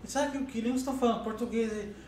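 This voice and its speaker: A Brazilian speaker in casual chat, quickly telling anecdotes with quoted dialogue. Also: medium pitch, fairly even intonation, a little mellow, far from the mic. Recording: echoey room, off-mic, noisy.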